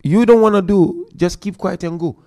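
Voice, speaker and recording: Gravelly-voiced man giving a mosque lecture. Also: sits high, normal speed. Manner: direct, animated, addresses the audience. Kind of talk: religious lecture to a congregation.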